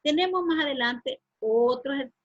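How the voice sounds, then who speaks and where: A woman's voice: sits high, fairly quick. A woman teacher giving an online class, hesitant with many fillers and restarts, asking her students questions. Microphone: video call. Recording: muffled lo-fi online call audio.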